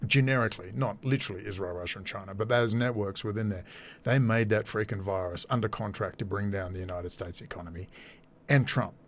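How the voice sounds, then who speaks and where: A man's voice: lowish voice, a little fast, a little hiss or hum. Man ranting over clips. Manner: animated, sarcastic, repeats phrases. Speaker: host.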